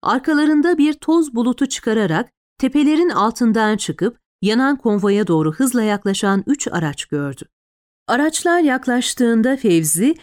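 A woman's voice: medium pitch, a little mellow, dry recording, studio quality. A woman narrating a tense, dramatic audiobook.

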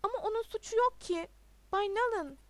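A woman voicing a shy but defiant teenage schoolboy who shouts and pleads in an audiobook reading. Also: very high-pitched, fairly quick, no room sound, voice pushed up. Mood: pleading shouts.

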